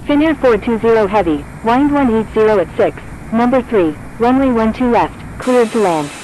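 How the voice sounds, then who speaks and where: A woman's voice: a little high, animated, moderate pace, darkish tone, lightly acted, rough recording. A woman voicing an airport tower controller in a flight simulator game, giving clipped, formulaic air traffic control radio calls. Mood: procedural. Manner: clipped, formulaic, scripted delivery.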